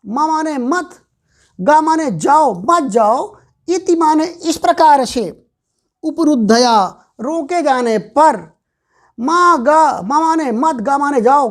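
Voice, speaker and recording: Slow, high-voiced woman teaching verse. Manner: repeats each word then glosses it with "माने". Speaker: Sanskrit teacher. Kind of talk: word-by-word verse explanation lesson.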